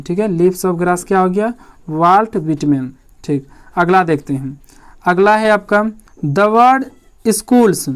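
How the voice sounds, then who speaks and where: A teacher who drills every point twice. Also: male voice, sits high, clean tone. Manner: repeats each point, asks questions then answers them himself; reads English quiz lines slowly, word by word. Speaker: English teacher. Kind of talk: exam-prep lesson explained in Hindi.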